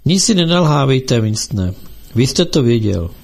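A calm older male official speaking with mild, almost regretful irony, as a man reads him in an audiobook. The tone is gravelly and husky, and he speaks with firm weight. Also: mid-range voice. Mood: cold calm.

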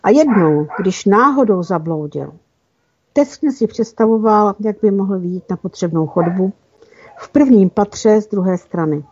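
A woman narrating a children's fantasy story in an even, careful reading style with small slips. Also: mid-range voice, slightly rough. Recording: dull lo-fi recording.

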